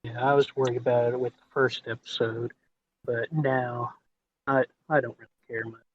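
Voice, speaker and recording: A man's voice: medium pitch, level tone, normal speed, dry recording. Man with hillbilly twang, lo-fi sound. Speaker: podcast co-host. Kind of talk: casual chat. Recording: dull, lo-fi voice line.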